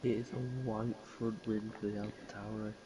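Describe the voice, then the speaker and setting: A man's voice: lowish voice, completely flat delivery, a little fast, noisy background. A man doing casual race commentary for an online racing league, chatty and joking with his co-host.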